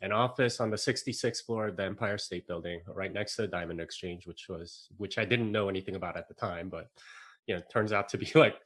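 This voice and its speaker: A man's voice: low voice, a little fast, a bit bright. A man from South Korea, a podcast guest, telling stories in a casual, rambling way with lots of fillers, restarts and laughs. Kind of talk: casual interview chat.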